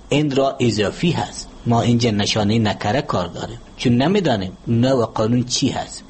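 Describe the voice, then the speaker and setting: A man with an Afghan Dari accent speaks as an interview guest, lecturing patiently on correct usage. His voice sits at an ordinary middle pitch, and he pauses often with hesitant fillers. A faint hiss runs under his speech. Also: darkish tone. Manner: measured, lecturing with frequent hesitations. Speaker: language expert guest. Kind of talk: explanatory interview answers.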